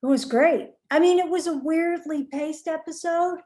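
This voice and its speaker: A woman's voice: very high-pitched, normal speed, mellow, a little hiss or hum. A woman co-hosting a casual watch-along show, narrating what happens on screen with dry jokes. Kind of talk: casual reaction chat while watching a TV episode.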